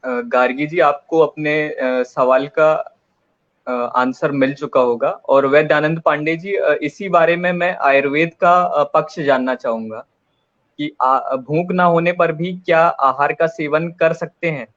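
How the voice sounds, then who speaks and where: Hesitant male moderator, slightly high, lo-fi. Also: unhurried, fairly bright tone. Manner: hesitant with filler sounds. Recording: slightly dull lo-fi audio.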